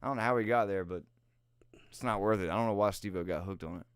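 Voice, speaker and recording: Low smooth-voiced young man chatting. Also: quick pace, dry recording, studio quality. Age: 20s. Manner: rambling storytelling with frequent laughs and profanity. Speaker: podcast co-host. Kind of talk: casual chat.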